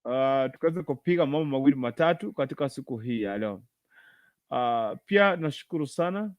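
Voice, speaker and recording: A man's voice: medium pitch, lively intonation, a little fast, darkish tone, no room sound, clean studio sound. A man with a Kenyan accent hosting an informal live online gospel show, repeating phrases and switching between English and Swahili as he addresses viewers.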